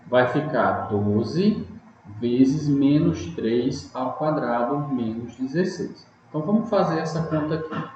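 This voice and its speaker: Speaking in a mid-range voice with a dark tone, a man patiently walks his students through a recorded online math lesson step by step, checking in with them often. The audio has an echoey, dull room sound with light noise.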